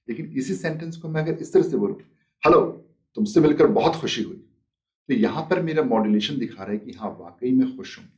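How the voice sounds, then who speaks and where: A man's voice: medium pitch, a little mellow, distant mic. Man teaching, a bit off-mic. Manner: explains step by step, acts out example sentences. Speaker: life skills teacher. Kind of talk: spoken lesson with demonstrations.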